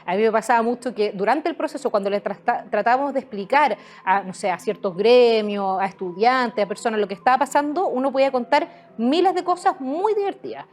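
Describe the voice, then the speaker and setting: A woman's voice: on the high side, a little fast, few pauses. A woman answering interview questions as a guest author, hesitating often with fillers and restarts.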